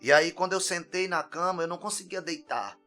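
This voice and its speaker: A man's voice: on the high side, fairly quick, soft background music. Earnest man giving a tearful testimony. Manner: earnest, tearful, grows loud when recounting. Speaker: podcast guest. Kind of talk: emotional personal testimony.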